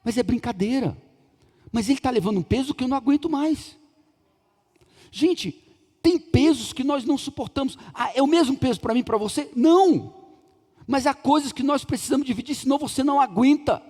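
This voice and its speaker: A man's voice: extremely high pitch, lively intonation, fairly quick, a little mellow. A middle-aged Brazilian man preaching in a large church, joking and acting out dialogue as he tells stories. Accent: Brazilian Portuguese. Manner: humorous, chatty, acts out dialogue. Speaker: pastor. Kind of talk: sermon with storytelling. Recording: reverberant church hall.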